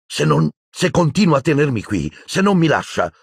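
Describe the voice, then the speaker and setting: A man voicing a furious, grieving teenage boy wizard who shouts in anguished rage. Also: mid-range voice, very animated, measured pace, creaky, slightly rough, no room sound, clean studio sound, voice pushed up, full character voice.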